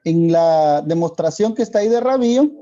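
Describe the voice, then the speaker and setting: A male teacher with a Guatemalan Spanish accent, explaining a lesson slowly and checking in with rhetorical questions. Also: fairly high pitch, animated, warm tone, lo-fi sound. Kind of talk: classroom lesson for video.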